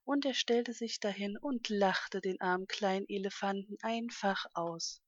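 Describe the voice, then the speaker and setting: A woman reading a children's story aloud in a calm, expressive way. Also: mid-range voice, a little slow, no room sound, muffled recording.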